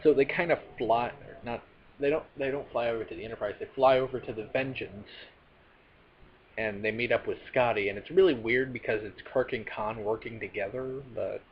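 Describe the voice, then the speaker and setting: This is a man summarizing a movie plot informally as a reviewer, at a normal speed and in a mid-range voice. His talk wanders, full of fillers and corrections of himself. The audio is lo-fi and dull, with faint background noise.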